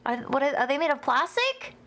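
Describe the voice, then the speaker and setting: A young woman with a high voice chats casually on her live stream, greeting viewers and answering chat with lots of giggles. She sounds tired and worn down by a headache. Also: big pitch swings, brisk, fairly bright tone.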